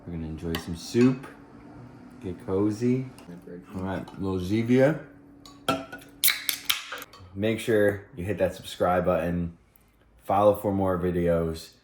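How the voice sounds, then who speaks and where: A man's voice: sits low, takes it slowly, pauses often, background noise. A man talking casually to camera over a meal at his mother's home, upbeat and joking. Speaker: vlogger and ultrarunner. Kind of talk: casual vlog talk to camera.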